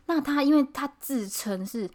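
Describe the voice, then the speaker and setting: A woman in her thirties with a Taiwanese Mandarin accent, hosting a casual podcast chat and telling animated stories about coworkers. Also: high voice, moderate pace. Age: 30s. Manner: animated storytelling, acting out quoted coworkers. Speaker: podcast host.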